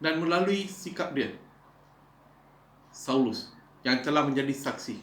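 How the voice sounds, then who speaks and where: A middle-aged man preaching a sermon, swinging between loud emphatic exhortation and soft low asides. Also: animated, measured pace, echoey room.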